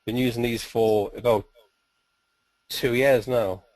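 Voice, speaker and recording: A man teaching search-engine tactics in a steady, explanatory webinar style. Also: medium pitch, slow pace, no room sound, poor audio. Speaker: SEO trainer.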